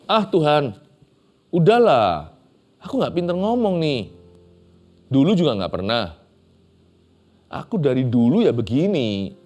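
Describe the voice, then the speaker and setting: A man's voice: fairly high pitch, big pitch swings, a little slow, pauses often, darkish tone, voice pushed up. A man voicing the prophet Moses as a reluctant, pleading figure making excuses.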